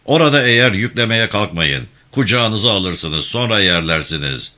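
A man voicing a stern, commanding male militia band leader who gives hushed orders. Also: lowish voice, lively intonation, normal speed, pitched above the performer's own voice.

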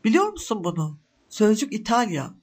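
A desperate young mother in a storybook, fiercely protective of her child, voiced by a man. Her voice is lifted high and pressing, urgent in every line. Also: wildly swooping pitch, moderate pace, husky, exaggerated voice. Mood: tender.

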